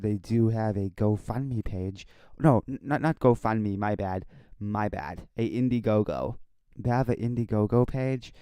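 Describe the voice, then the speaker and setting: A man giving casual off-the-cuff video commentary in a halting, repetitive way, stumbling over his words. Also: fairly low pitch, mellow, no echo. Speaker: online commentary video host.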